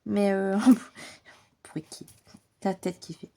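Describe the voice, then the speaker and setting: A French woman vlogging casually about her coloring books, chatty and enthusiastic, a little hoarse as she recovers from bronchitis. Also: mid-range voice, flat delivery, slow, dark tone. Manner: chatty, enthusiastic, many fillers. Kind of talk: casual vlog chat.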